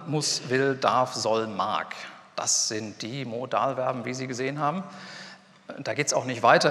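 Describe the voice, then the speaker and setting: A middle-aged man lectures at a university in a loose, conversational way, full of fillers and quick asides. His voice sits at an ordinary middle pitch. It carries a long reverb from the lecture hall around him. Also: vocal fry, fairly bright tone. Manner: casual, chatty lecturing with many fillers and asides.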